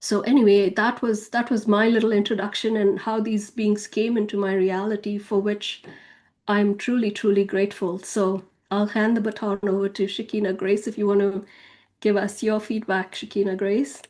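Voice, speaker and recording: A woman's voice: medium pitch, level tone, moderate pace, a little mellow. A woman sharing her spiritual journey in a casual, chatty way, full of fillers like "you know" and "if you will". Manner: acts out quoted speech with a raised voice. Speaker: spiritual author and channel guest. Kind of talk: casual personal storytelling.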